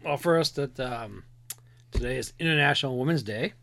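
A woman's voice: a bass voice, moderate pace, creaky, fairly bright tone. A woman in her forties hosting a podcast, bantering in a joking, laid-back way. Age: 40s. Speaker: podcast host. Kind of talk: casual chat.

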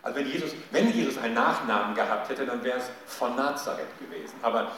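A man giving a sermon, telling a Bible story in a lively way and shouting out the quoted cries. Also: medium pitch, fast, a little hiss or hum. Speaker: preacher. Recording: echoey hall, mic at a distance.

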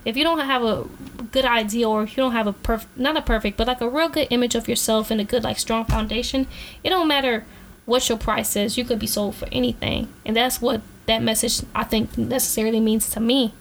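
Woman co-host, relaxed slang-heavy delivery, upper-range pitch. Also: brisk, slight background noise. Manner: slangy, laid-back, laughs often. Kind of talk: casual podcast chat.

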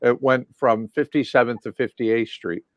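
A man speaks in a middle-pitched voice, rambling casually through his memories with plenty of ums and restarts. The sound is dull and lo-fi, and very dry, with no room sound at all. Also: fairly even intonation, normal speed, no echo. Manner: rambling, many fillers and restarts. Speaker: guest lighting designer. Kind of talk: casual recollection.

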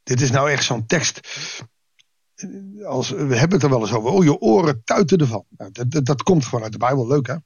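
A man's voice: mid-range voice, expressive, brisk, a little mellow, husky, dry recording. A man giving a devotional Bible reading, reading the verses and breaking off into conversational asides with frequent restarts. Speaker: preacher.

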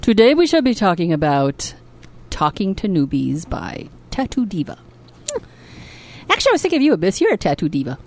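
A woman's voice: medium pitch, huge pitch swings, a little fast, a little mellow. A woman hosting a podcast, chatting casually and reading written posts aloud. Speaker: podcast host.

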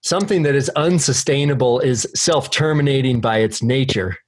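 A man's voice: medium pitch, normal speed. A man from Oregon hosting a podcast interview over a video call from his bedroom, talking casually and rambling with fillers. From Oregon, USA. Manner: laid-back, rambling with fillers. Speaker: podcast host. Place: bedroom at home.

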